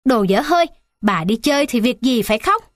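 A woman's voice: a little high, lively intonation, a little fast, no room sound, studio quality, lightly acted. A woman voicing an irritable mother who grumbles and scolds sharply. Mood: irritated.

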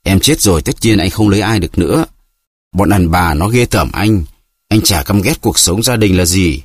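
A man's voice: sits low, expressive, moderate pace, breathy edge, dry recording. A man doing a tearful accusing wife. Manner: whining, reproachful.

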